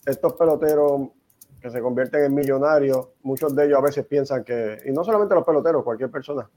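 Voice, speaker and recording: A man co-hosting a casual podcast over a video call, speaking haltingly with many fillers and repeated words. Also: medium pitch, mellow. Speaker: co-host. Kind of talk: casual chat.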